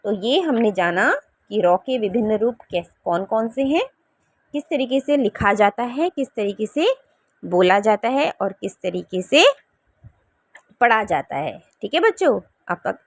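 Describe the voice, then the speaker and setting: A woman teaching a grammar lesson to young pupils, her fairly high voice swinging widely up and down. She sounds words out slowly, syllable by syllable, and keeps asking the children whether they follow. The recording is close and dry, with no room sound. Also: dry recording. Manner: coaxing, checks understanding with repeated questions.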